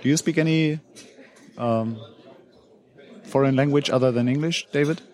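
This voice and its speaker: A man hosting a podcast interview at a conference, asking questions in a halting way with fillers. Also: mid-range voice, a little mellow. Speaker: podcast host. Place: conference venue.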